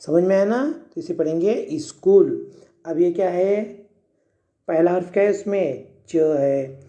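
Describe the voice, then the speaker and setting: Slow, mellow-voiced man teaching young children. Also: high-pitched, dull audio. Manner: sounds out words letter by letter, asks and answers own questions; patient, repetitive teaching. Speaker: primary school Urdu teacher. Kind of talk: reading lesson for young children.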